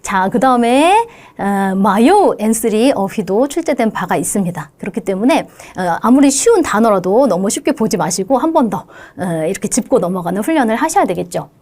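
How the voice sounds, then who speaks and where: A woman Japanese-language instructor giving an exam-prep lecture in a coaxing, lively way, often checking in with her students. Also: mid-range voice, moderate pace.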